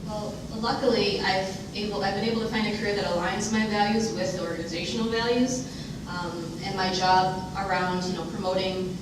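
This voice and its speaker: A woman's voice: medium pitch, steady tone, normal speed. Candid woman in an echoey room. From United States. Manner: candid, self-deprecating, many ums. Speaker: interview guest, diversity director. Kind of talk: onstage interview. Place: event room with audience. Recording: echoey room, distant mic, noisy.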